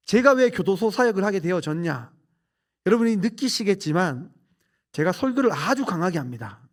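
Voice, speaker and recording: A man preaching from the pulpit in a church sanctuary. His voice sits high and swings widely, pressing hard on key phrases and falling quiet for emphasis. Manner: forceful preaching, rising and dropping emphatically. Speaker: pastor. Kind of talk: sermon.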